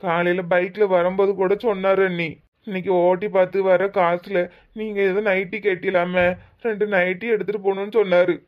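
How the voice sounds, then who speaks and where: A performer doing a flat, worried cartoon coworker. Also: mid-range voice, normal speed, close to an everyday voice. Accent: Tirunelveli Tamil. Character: worried young male coworker. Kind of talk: cartoon voice acting. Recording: dull lo-fi sound.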